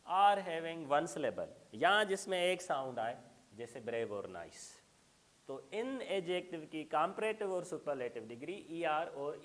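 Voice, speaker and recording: A middle-aged man teaching an English grammar lesson, explaining patiently and calling his students "beta" as he works through examples. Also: fairly high pitch.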